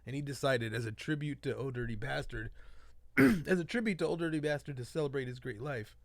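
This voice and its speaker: Man, podcast co-host, crude rambling stories, gravelly fry, dry close sound. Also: medium pitch, brisk, dry recording. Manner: rambling, crude, swearing storyteller. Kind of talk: casual comedy podcast chat.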